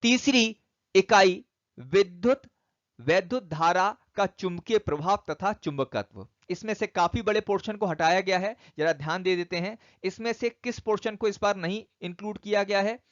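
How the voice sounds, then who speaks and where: A man's voice: high voice, normal speed, hardly any pauses, no echo, lo-fi sound. A man teaching physics online, walking students through syllabus topics and calling them children.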